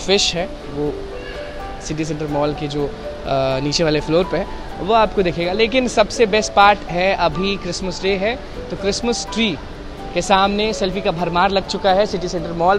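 A young man reports from inside a large shopping mall, his voice pitched high and upbeat. He repeats phrases in a presenter's patter as he speaks into a handheld mic. Clear music plays behind him. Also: steady tone, normal speed. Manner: upbeat, repetitive presenter talk. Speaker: street reporter. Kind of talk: vox-pop reporting.

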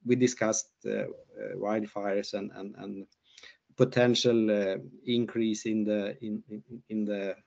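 A man's voice: fairly low pitch, flat delivery, measured pace, vocal fry, darkish tone. An older man presenting research findings on a video call, hesitant with many fillers and restarts. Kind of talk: online conference talk and Q&A. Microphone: laptop mic on video call. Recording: muffled video call audio.

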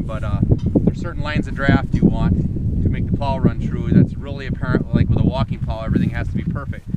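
Man, forties, farmer, rambling vlog talk, outdoors, loud wind noise, distant phone mic. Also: medium pitch. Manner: rambling, folksy, many fillers and restarts. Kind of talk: casual vlog introduction. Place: outdoors in a farm field beside draft horses. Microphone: phone camera a few steps away.

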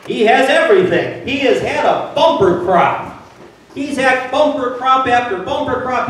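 A woman's voice: fairly high pitch, far from the mic. Woman pastor, conversational sermon, joking asides, heavy church echo, voice off-mic. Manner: chatty and joking, asks the congregation questions. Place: church sanctuary. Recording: very echoey church, voice off-mic, faint room hum.

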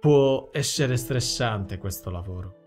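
A man's voice: medium pitch, lively intonation, slow pace, darkish tone, soft background music. A man doing a wry school psychologist.

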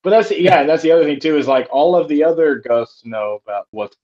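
A man in his thirties co-hosting a podcast, retelling movie scenes in a rambling, animated way with many fillers. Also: fairly high pitch, fairly quick. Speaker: podcast co-host. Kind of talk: casual chat. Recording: dull lo-fi sound.

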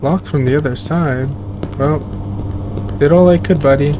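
A man's voice: on the high side, measured pace. Profane man streaming a horror game. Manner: profane, trash-talking, reacting to scares. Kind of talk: live horror game playthrough commentary. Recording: noticeable background noise.

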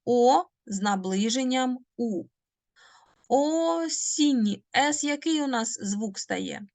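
A woman teacher giving a language lesson, patiently explaining phonetics, asking questions and answering them herself and drawing out example words slowly. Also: fairly high pitch, no echo.

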